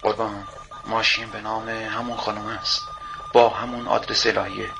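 A man's voice: lowish voice, little pitch movement, creaky, bright, forceful tone, a little hiss or hum. A man voicing a subordinate police officer who reports to his superior over a radio link. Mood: dutiful.

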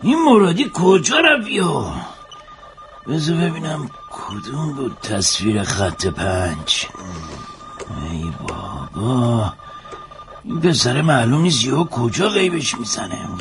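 A man's voice: on the high side, huge pitch swings, over music. A man voicing an impatient, sardonic police commander who gives curt orders. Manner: curt, exasperated. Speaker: senior police officer.

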